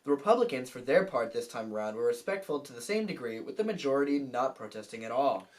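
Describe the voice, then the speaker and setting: A man's voice: mid-range voice, big pitch swings, fast, a little mellow. A young man anchoring a scripted student news show, with a wry, lightly joking delivery.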